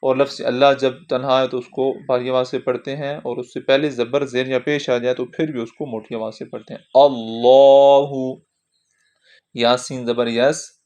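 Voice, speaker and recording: A man teaching a Quran lesson, spelling each word letter by letter and then blending the sounds together. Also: medium pitch. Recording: dull lo-fi recording.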